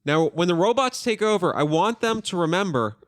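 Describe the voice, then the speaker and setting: Young man, podcast co-host, casual chat, rambling, lively pitch, dry sound. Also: fairly quick, no room sound. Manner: animated, rambling, lots of fillers and laughter.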